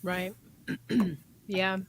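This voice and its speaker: A woman's voice: mid-range voice, little pitch movement, very slow, slight background noise. A woman hosting a livestream talk show, prompting guests and laughing often. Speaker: podcast host.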